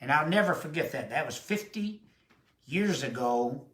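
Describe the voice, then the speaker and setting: Older Texan male preacher in his seventies, high-pitched, emphatic sermon, roomy echo. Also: animated, fairly bright tone. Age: 70s. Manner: emotional, emphatic preaching with drawn-out quotes. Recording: echoey room.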